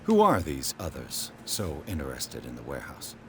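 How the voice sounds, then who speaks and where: An actor playing a composed, inquisitive private detective in a video game, with measured, formal speech. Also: male voice, a bass voice, huge pitch swings, darkish tone, a little hiss or hum, full character voice. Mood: probing, composed.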